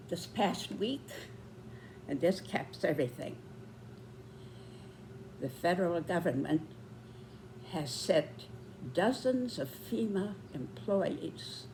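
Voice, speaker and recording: A woman in her nineties giving reflective spoken commentary, with deliberate, measured phrasing and pauses. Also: fairly low pitch, darkish tone, a little hiss or hum. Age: 90s.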